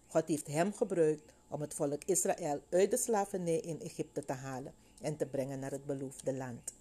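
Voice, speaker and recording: A middle-aged woman preaching a sermon in a lively storytelling way, reading Bible passages and acting out the voices of the people in them. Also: low-pitched, normal speed, husky. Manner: animated storytelling, acting out voices of biblical figures.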